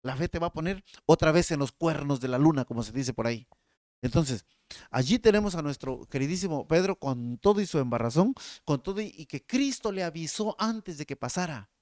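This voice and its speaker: A man with a Mexican accent preaching a sermon, emphatic, slowing down and swinging his pitch to stress points. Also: lively intonation, darkish tone, no room sound, studio quality. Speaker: pastor.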